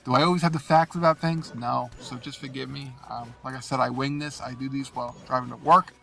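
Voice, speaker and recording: A man with a cold hosts a gaming video from his car as he drives, his voice nasal and congested while he rambles casually and apologetically over gameplay. The medium-pitched voice is steady, fairly quick and fairly bright, with vocal fry, and faint music plays behind him.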